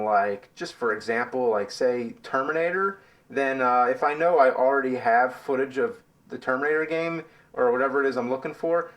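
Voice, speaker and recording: A man's voice: mid-range voice, fairly bright tone. A man casually walking through how he edits his videos. He talks in a loose, rambling way with plenty of fillers. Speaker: video creator explaining his editing. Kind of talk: casual behind-the-scenes explanation.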